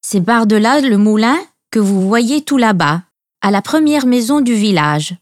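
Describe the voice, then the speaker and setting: A woman's voice: a little high, lively intonation, a little slow, no room sound, clean studio sound. A woman reading as a trusting little girl. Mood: polite. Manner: naive, polite. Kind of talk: storybook reading.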